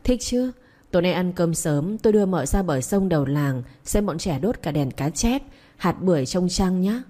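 A woman's voice: on the low side, lively intonation, normal speed, warm tone. A woman voicing a mischievous young husband in a spoken story, bossy and coaxing by turns.

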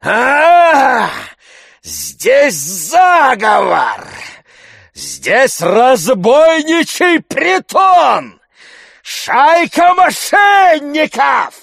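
A bellowing bully, sponger, shrill shouting, drawn-out abuse, gravelly. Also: male voice, very animated, no room sound, clean studio sound, full character voice. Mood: raging shouting. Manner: shouting, abusive, blustering. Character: brawling middle-aged male sponger, bullying and loud.

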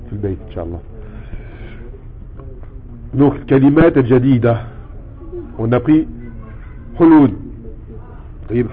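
Guy teaching a lesson slow n patient, mid voice, thin phone sound. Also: mid-range voice. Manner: patient, step-by-step, repeats words slowly. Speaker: Arabic teacher. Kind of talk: explaining a language lesson. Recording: tinny phone-like sound with faint noise.

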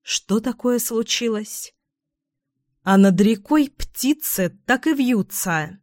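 A woman reads a children's fairy tale aloud at a slow, unhurried pace. Her telling is even and clear. The recording is dry and close, with no room sound. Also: a little high, no room sound. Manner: slow, even storybook reading. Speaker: storyteller.

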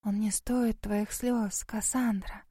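A woman's voice: high voice, steady tone, unhurried, no echo, clean studio sound. A woman doing a sighing ghost girl. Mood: weary. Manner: soft, sighing murmur. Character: weary female ghost trapped in a well.

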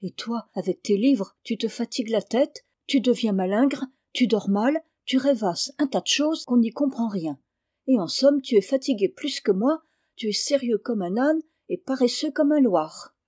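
A woman's voice: fairly high pitch, animated, normal speed, a little mellow, husky, dry recording, studio quality. A woman voicing a cheerful, sturdy farm boy who teases and helps his brother.

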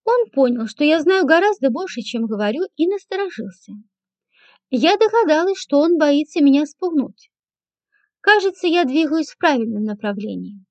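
A woman narrating a first-person audiobook in a dry, measured manner. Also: high-pitched, animated, no echo. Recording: dull lo-fi, dry.

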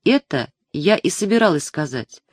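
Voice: mid-range voice, sing-song, normal speed, dry recording, studio quality. A reader voicing a tearful grown daughter. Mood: pleading. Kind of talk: audiobook character reading.

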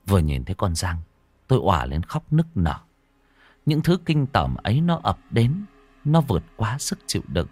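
A man with a low voice narrates a horror story dramatically. His pitch rises and falls widely as he tells it. The recording is close and dry. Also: normal speed, no room sound. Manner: dramatic, expressive.

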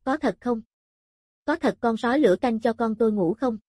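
A woman's voice: fairly high pitch, normal speed, darkish tone, no room sound, clean studio sound, natural voice. A woman reading the part of a frantic village mother in a storybook, with a wailing, scolding delivery. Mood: relieved. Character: frantic village mother, fearful then grateful.

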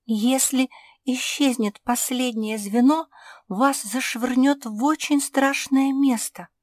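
A woman voicing an anxious little female pug who pleads in a high, urgent voice. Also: steady tone, takes it slowly, dry recording. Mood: anxious pleading.

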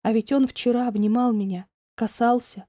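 A woman narrating an audiobook in the first person, reading in an expressive, emotional way. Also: on the high side, normal speed, dry recording, clean studio sound.

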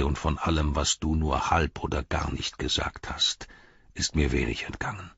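A man reading an audiobook and voicing a bitter, scornful aging ruler who lashes out at his son, with a husky tone that drops into whispers. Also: extremely low pitch, fairly bright tone, no echo, dull audio, exaggerated voice.

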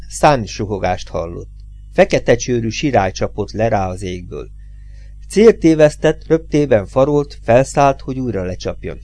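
A man's voice: mid-range voice, mellow, no room sound. A man reading a suspenseful story aloud as an audiobook, with tense, dramatic emphasis. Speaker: audiobook reader.

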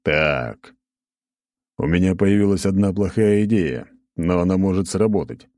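Gruff stern spartan warrior in a storybook, narrator doing him, dark low voice. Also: male voice, lively intonation, unhurried, dry recording.

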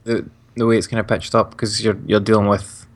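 A man's voice: fairly low pitch, flat delivery, brisk. A man co-hosting a podcast, chatting casually, laughing often and repeating words as he talks. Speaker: podcast co-host.

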